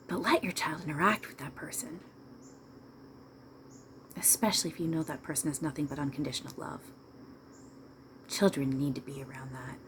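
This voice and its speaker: A woman's voice: deep voice, darkish tone, slight background noise. A woman speaking as a trance medium channeling a spirit, giving informal, emphatic, repetitive counsel straight to listeners. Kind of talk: seance medium channeling, informal advice monologue.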